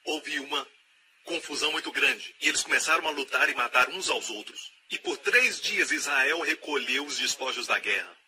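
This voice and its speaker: A man's voice: mid-range voice, animated, moderate pace, background noise. A man preaching a sermon with emphatic delivery, repeating key phrases again and again and acting out the voices of the people he quotes.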